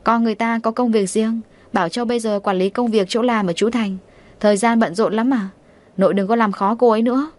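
A woman's voice: a little high, fairly even intonation, brisk, natural voice. A woman reading the lines of a stern, determined young husband from a wealthy family in an audiobook. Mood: persuasive. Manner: firm, quietly determined.

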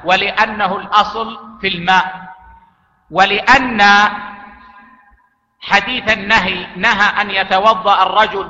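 A man teaching an Islamic jurisprudence lesson, speaking deliberately and repeating key phrases for emphasis. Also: high voice, bright, forceful tone. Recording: echoey lo-fi hall recording.

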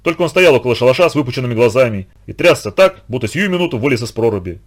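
A man narrating a children's story in an expressive, vivid way. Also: medium pitch, rapid-fire.

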